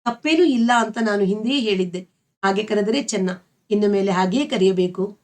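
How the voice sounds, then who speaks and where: A woman reading aloud the lines of a shy, tender young woman in love, in a soft, hesitant way. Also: medium pitch, brisk, close to an everyday voice.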